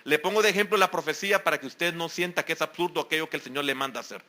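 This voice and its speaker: A man's voice: fairly high pitch, very fast, bright, forceful tone. A man preaching an evening church sermon as the pastor, in an emphatic style full of repeated exhortations. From El Salvador. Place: church sanctuary during a service.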